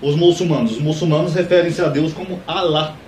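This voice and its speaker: A man's voice: on the high side, fairly even intonation, brisk, a little mellow. A man running a theology channel, explaining in a casual, conversational way, asking rhetorical questions and correcting himself mid-sentence. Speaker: theology YouTuber. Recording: echoey room, mic at a distance, faint hiss.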